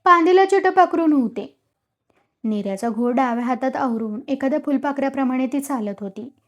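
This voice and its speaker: Female storyteller, high pitch, dramatic expressive story reading. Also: normal speed. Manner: dramatic, vivid narration.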